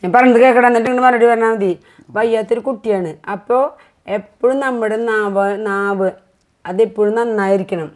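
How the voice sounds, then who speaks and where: A middle-aged woman talks quickly in an everyday family vlog. She sounds like a mother lecturing with earnest insistence, and she comes back to the same points again and again. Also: medium pitch, steady tone. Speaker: mother vlogger. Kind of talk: casual family vlog conversation.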